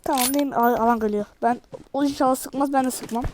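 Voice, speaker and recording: A woman commentating her mobile shooter match, excitable and slangy, yelling at teammates. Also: high-pitched, a little fast, slight background noise. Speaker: mobile game streamer. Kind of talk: live gameplay commentary.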